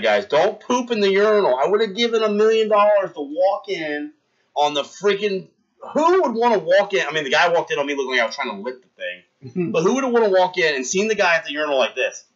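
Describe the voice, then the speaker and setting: A thirties-aged streamer tells his chat a drawn-out, gross story, performing each scene with animated energy. His voice sits high, and the recording is dull.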